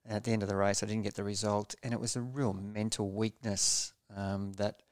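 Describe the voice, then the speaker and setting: Looking back on his racing days in a podcast interview, a man speaks in a low, flat, even voice, measured and low-key, frequently restarting phrases. The recording is dry and close, smooth and resonant, with no echo.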